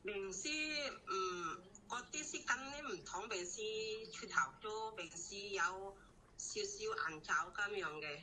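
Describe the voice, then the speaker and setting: A native Indonesian-speaking woman with an Indonesian accent, answering interview questions in short, halting phrases as she searches for words. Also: mid-range voice, sharp tone, slight background noise, rough recording. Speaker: domestic helper being interviewed.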